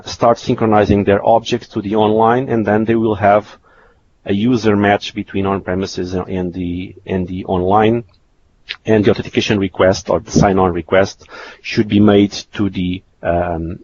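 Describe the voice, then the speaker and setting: A man's voice: lowish voice, darkish tone. A man giving a technical webcast presentation, explaining slides in a hesitant, repetitive way. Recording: dull lo-fi webcast audio with hiss.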